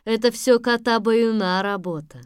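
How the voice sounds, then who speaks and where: Woman doing a calm wise tsarevna. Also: fairly high pitch, normal speed, clean tone, no echo, studio quality, natural voice. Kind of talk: storybook reading.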